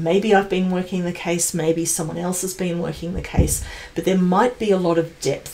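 This low, gravelly voice with a darkish tone belongs to a woman in her forties who presents on a tech channel and works in pre-sales. She explains product announcements with enthusiasm, keeping it conversational and emphatic.

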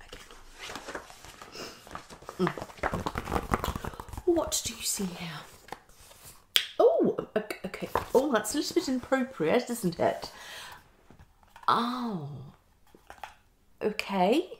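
Speaking at a medium pitch over slight background noise, a young woman acts as a psychologist in a fast, improvised ASMR roleplay indoors in a small home room. Her tone is tentative and inquiring, with short phrases said again and again.

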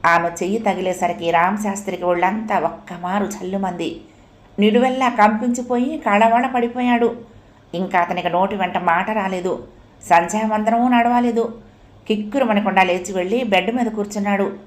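A woman narrating a story audiobook in a measured, expressive reading voice. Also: medium pitch, echoey room.

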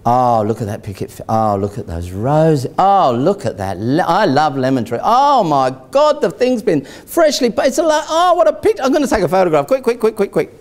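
A man voicing a gushing house-hunter who squeals with breathless excitement over a pretty home. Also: a little high, slow pace, gravelly, hardly any pauses, breathy edge, exaggerated voice.

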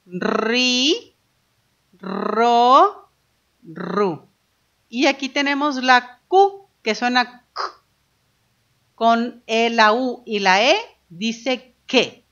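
Woman teacher, very slow, patient, sounding out syllables, dull lo-fi recording. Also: a little high, a bit bright. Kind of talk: children's phonics lesson.

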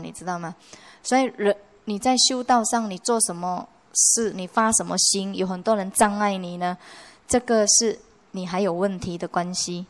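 Woman, Buddhist nun, dharma lecture, conversational, mid-pitched voice, frequent rhetorical checks. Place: monastery hall.

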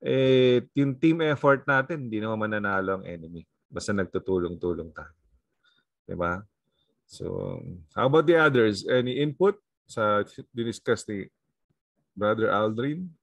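Low-voiced Filipino pastor on a video call. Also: male voice, lively intonation, measured pace, vocal fry, dry recording. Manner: conversational, mixing in English, many fillers and tag questions. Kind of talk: leading an online prayer meeting.

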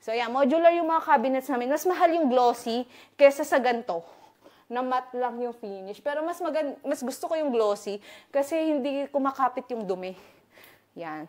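Woman vlogger from the Philippines, slightly high voice, eager and chatty while walking through her new home, handheld mic. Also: moderate pace. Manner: excited, chatty, filler-heavy, switching between Tagalog and English. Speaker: vlogger giving a house tour. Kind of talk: casual chatty house-tour vlog.

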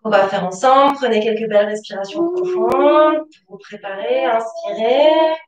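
A woman yoga teacher guiding a class with slow, calm spoken cues and pauses. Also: fairly high pitch. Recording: roomy, from a distance. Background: soft music.

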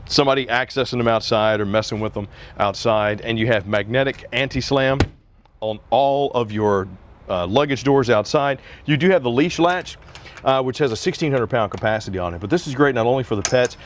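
Wearing a lapel mic, a man in his forties with a mid-range voice presents an RV outdoors at a sales lot, amid slight background noise. It's a walkaround product review delivered in upbeat, conversational salesman style.

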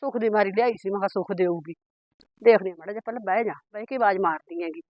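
A woman's voice: dry recording, dull audio, lightly acted. A woman with a Punjabi accent playing a nagging, scolding village mother in a family drama. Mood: grumbling. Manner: scolding, complaining, quick and shrill. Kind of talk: amateur village drama acting.

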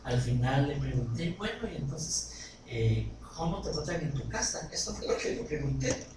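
A man preaching a sermon, animated and often asking his congregation questions. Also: mid-range voice, moderate pace. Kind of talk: sermon with anecdotes and jokes. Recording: echoey hall recorded from far off, noisy.

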